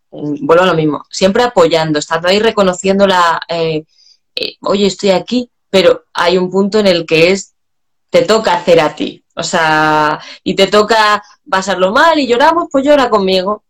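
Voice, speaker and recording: A woman and mother of four talking casually about her children, quoting what she says to them. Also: medium pitch. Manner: anecdotal, quotes her own words. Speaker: professional speaking as a mother. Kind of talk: casual conversation.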